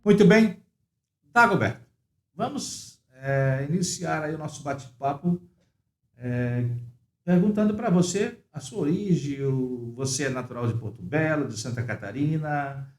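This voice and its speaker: A man hosting a relaxed, informal podcast, asking guests friendly questions. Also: on the high side, unhurried, faint music behind. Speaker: podcast host. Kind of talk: casual chat. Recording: echoey room.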